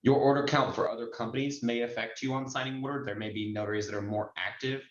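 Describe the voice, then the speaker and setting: Talking fast in a steady, medium-pitched voice, a male host and notary trainer in his forties coaches people over a group video call. He's conversational and fond of examples; the sound is muffled and roomy.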